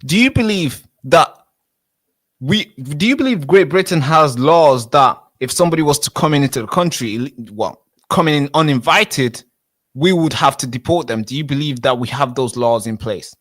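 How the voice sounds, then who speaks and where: A man's voice: on the high side, lively intonation, moderate pace, a bit bright, no echo. A man in his twenties, born in Tanzania, arguing insistently in a heated street debate and cutting in to hold the floor. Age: 20s. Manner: insistent, interrupts with repeated "wait, wait". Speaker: interviewee.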